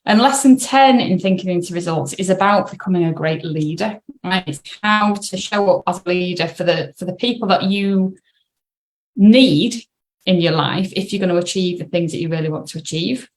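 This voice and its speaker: A woman's voice: on the low side, normal speed. A British woman, a business coach, talking casually on a live stream and reading an article aloud, often checking in with "right?". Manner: chatty, checks in with "right?" and "all right?".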